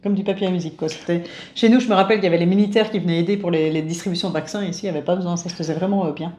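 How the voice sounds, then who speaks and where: A woman's voice: lowish voice, fairly even intonation, mellow, echoey room. A woman vlogging with her family in casual chat, chatty and full of hesitations. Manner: chatty, fills pauses with hesitations.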